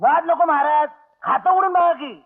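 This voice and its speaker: An actor playing a cheeky young village prankster who teases and laughs in a comic film scene. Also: male voice, very high voice. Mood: teasing. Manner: teasing, laughing, quick. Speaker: village playwright and joker. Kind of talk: 1980s film comedy acting. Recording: tinny lo-fi film soundtrack.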